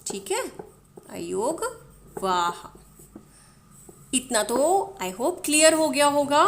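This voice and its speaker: A woman's voice: high voice, expressive, normal speed. A woman teaching the Hindi alphabet, sounding out each letter and often checking in with her viewers. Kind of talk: slow alphabet lesson.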